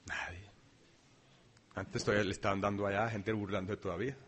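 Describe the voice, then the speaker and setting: A man preaching a sermon, swinging between loud emphasis and quiet asides. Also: fairly low pitch, little pitch movement, rapid-fire. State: dry throat, coughing.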